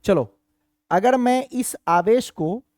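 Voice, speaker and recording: A man's voice: high voice, expressive, slow pace, darkish tone, no echo, clean studio sound. A man teaching a physics lesson to students, often asking them questions and acting out what a student might ask. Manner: asks students repeated questions, acts out student voices. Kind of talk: classroom physics lecture.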